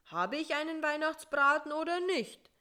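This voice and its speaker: Brief: woman playing a dozy, nervous male spider in a storybook, stubborn and know-it-all, a bit louder. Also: sits high, lively intonation, pitched above the performer's own voice. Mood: sleepy. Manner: drowsy, slow and know-it-all.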